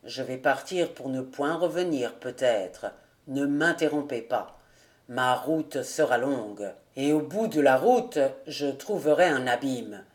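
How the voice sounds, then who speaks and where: A woman voicing a grave old male nobleman who speaks slowly and sadly for an audiobook. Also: very deep voice, expressive, voice pushed down. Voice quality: slow, sad, solemn delivery.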